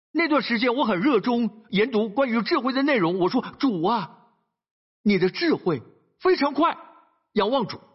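A male pastor delivers a sermon in an animated storytelling style, with frequent rhetorical asides to his listeners. His voice is high, husky and very lively in pitch. The sound is dull and lo-fi, like a radio broadcast.

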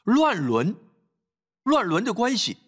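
Man, pastor, sermon, high husky voice, very animated pitch, loud urging then low quiet asides. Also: takes it slowly. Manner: preaching with sharp swings between loud exhortation and low quiet asides.

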